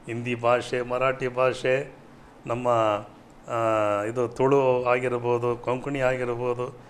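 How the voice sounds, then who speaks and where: A pastor with a Kannada accent teaching Bible passages on a TV show. His middle-pitched voice swells louder and higher whenever he recites scripture, then settles back into a plain explaining tone. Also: flat delivery, takes it slowly, a little hiss or hum. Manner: fervent, rises in pitch and volume when quoting scripture. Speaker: pastor answering viewer questions.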